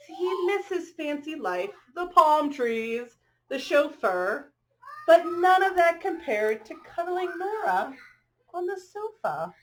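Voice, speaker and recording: With a very high voice, this woman performs a picture book for children, tossing in chatty comments and engaging her audience through exclamations and questions.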